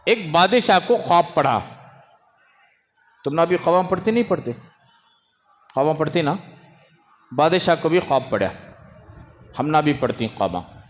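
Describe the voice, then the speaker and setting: A man preaching an Islamic sermon, swinging between raised, emphatic phrases and low asides, and stopping to hush restless children. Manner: scolds and hushes children in the audience. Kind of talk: religious sermon. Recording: long hall reverb.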